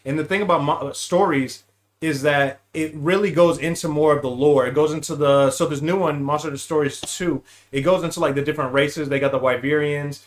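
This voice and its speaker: A man with a slightly high, steady voice talks a little fast as a guest on a casual gaming podcast. He chats loosely about games in heavy bro slang, calling the other speaker bro and dude.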